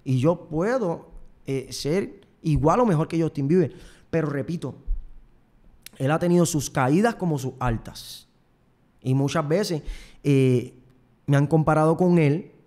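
This young Puerto Rican host and singer has a fairly high voice with a darkish tone, speaking a little slowly with long pauses. His comic monologue wanders, repeats itself and promotes himself. It's captured indoors on a studio set through a close desk mic, headphones on.

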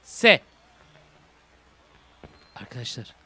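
A young man with a Turkish accent doing casual horror game commentary, reading game text aloud and translating it, jumping between hushed whispers and loud shouts. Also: extremely slow, no echo. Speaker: gaming YouTuber. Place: home room. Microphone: desk microphone.

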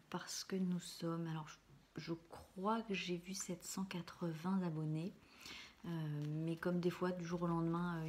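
Female ASMR host, breathy whispered vlog talk, slightly low, unhurried pauses, plain camera sound with some noise. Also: darkish tone. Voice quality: breathy whisper, mostly unvoiced. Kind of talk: soft whispered casual vlog. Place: small room at home, indoors. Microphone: camera close in front, no external microphone. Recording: faint hiss and clicks, no studio microphone.

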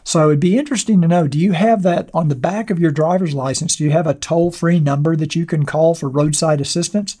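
A hoarse older man, his voice fading, answers viewer comments to camera for his motorcycle channel from a desk in a small studio, using a wireless clip-on mic. His pitch is fairly high and mellow, and he speaks briskly with few pauses. The talk is casual and rambling, with many fillers and restarts.

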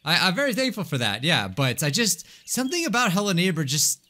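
High-voiced, excitable young man gaming. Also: brisk. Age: young adult. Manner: excitable, rambling. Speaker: gaming video host. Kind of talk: casual gameplay commentary. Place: small room indoors. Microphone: close desk microphone with headset.

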